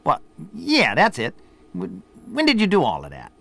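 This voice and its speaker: In scripted promotional dialogue, an actor plays a bossy, boastful middle-aged boss who teases and instructs his apprentice. The exaggerated voice sits high and swings hugely in pitch, gravelly and sharp in tone at a moderate pace.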